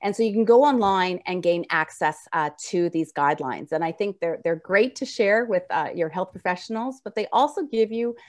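Middle-aged female nurse presenter, slightly low voice, slushy slurred s, informal webinar teaching over slides. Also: expressive, moderate pace, hardly any pauses. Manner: slurred, slushy s sounds from wearing braces. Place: indoor room, video call.

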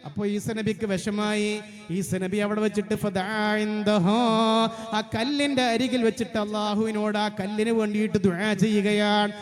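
A male preacher telling a story in a Ramadan sermon, emphatic, slowing down to chant Arabic phrases. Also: high-pitched, little pitch movement, soft background music.

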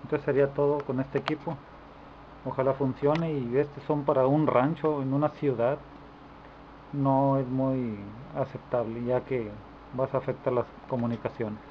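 A repair technician speaks in a mid-range voice at normal speed, with little pitch movement, while demonstrating hands-on work informally indoors. The handheld camera microphone records dull lo-fi audio with clear background noise.

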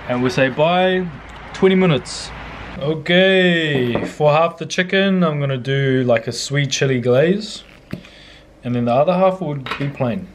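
A young man chats in an easygoing, slangy way, cursing casually as he cooks. He holds the camera close, and there is a steady hiss of outdoor noise behind him. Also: on the high side, unhurried. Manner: laid-back, slangy, swears casually. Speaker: cooking vlogger. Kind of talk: casual cooking vlog. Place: outdoor backyard by a grill and indoor kitchen.

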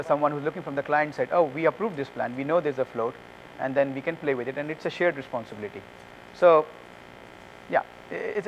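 A man in his thirties, speaking at a conference, fields audience questions on a lapel mic in a curtained conference room, filling his answers with fillers and restarts. His voice is a little high, the audio is dull, and there's slight background noise.

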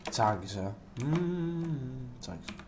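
A man giving live gameplay commentary as a streamer, chatting to viewers and bursting into loud exclamations. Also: medium pitch, sing-song, noisy background. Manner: chatty, addresses viewers directly.

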